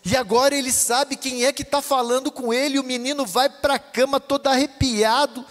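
High-voiced preaching man, fervent. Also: fairly even intonation, normal speed, a bit bright. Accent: Brazilian Portuguese. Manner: fervent, chanting cadence. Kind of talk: pentecostal sermon. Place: church hall. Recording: long church reverb.

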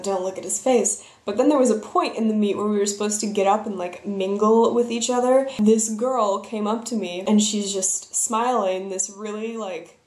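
A woman's voice: medium pitch, a little mellow, roomy sound. A young woman telling embarrassing stories in a wry, self-deprecating way. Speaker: vlogger. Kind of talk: storytelling vlog.

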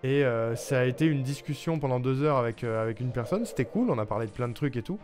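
A male streamer from France talks casually at a mid-range pitch, chatty and meandering, often stopping to hesitate and restart his sentences. He speaks into a streaming mic at home, and clear music plays behind him. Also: expressive, quick pace. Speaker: live streamer. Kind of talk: casual chat with viewers. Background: background music.

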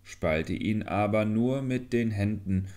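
A man's voice: on the low side, slow, a little mellow. A man reading a storybook, voicing a tiny young man trapped in a bamboo stalk who first pleads and then gives commands. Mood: instructing.

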